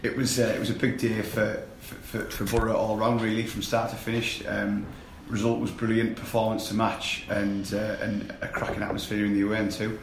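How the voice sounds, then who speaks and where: A man with a croaky voice, a guest on a casual football podcast, talking haltingly with many repeated words. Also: on the low side, slight background noise. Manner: hesitant, repeats words, flat delivery. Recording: echoey room with faint ambience.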